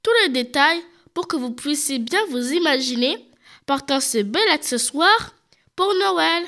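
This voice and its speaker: A woman's voice: high voice, lively intonation, unhurried, bright, forceful tone. A woman hosting a show, presenting products and talking straight to the viewers. She has a cold and describes each item in detail. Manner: addresses viewers directly, describes items in detail. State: stuffy with a cold, coughing.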